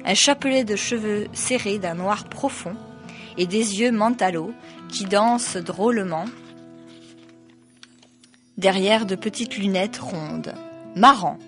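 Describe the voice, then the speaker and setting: A woman reads a novel aloud at an even, middle pitch. Between chapters she adds hesitant asides full of fillers. Faint music runs underneath. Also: slow, long pauses. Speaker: reader.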